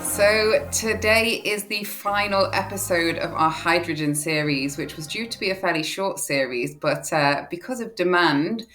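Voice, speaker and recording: A woman's voice: on the low side, measured pace, hardly any pauses, a bit bright, soft background music. A woman hosting a podcast interview, upbeat and chatty, reading a scripted intro. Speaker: podcast host.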